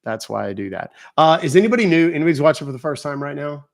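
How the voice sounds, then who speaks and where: A man's voice: on the high side, very animated, rapid-fire, creaky. Brief: casual male streamer, talks straight to chat, loose and rambling. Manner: chatty, thanks viewers, rambling asides. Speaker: scam-baiting livestream host.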